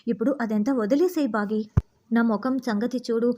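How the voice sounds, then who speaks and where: A woman's voice: on the high side, moderate pace, a little mellow, a little hiss or hum, close to an everyday voice. A woman reading the part of a pleading woman. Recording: muffled lo-fi recording.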